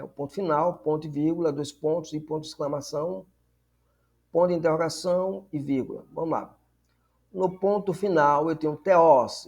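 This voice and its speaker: This male Greek teacher has a fairly high, slightly mellow voice with a breathy edge. In his recorded lesson he walks through the material step by step, repeats himself, and keeps asking "né?" and "tá vendo?"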